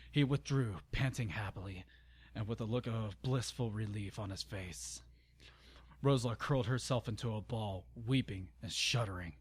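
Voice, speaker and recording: A man's voice: fairly low pitch, slightly rough. A young man giving a dramatic reading of fan fiction, breaking off with groaning, exasperated asides and stumbling over words.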